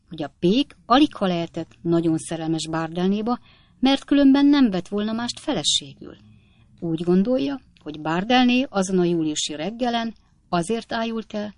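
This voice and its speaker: A woman narrating an audiobook of a classic novel in a lively, expressive storytelling style. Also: lowish voice, dry recording.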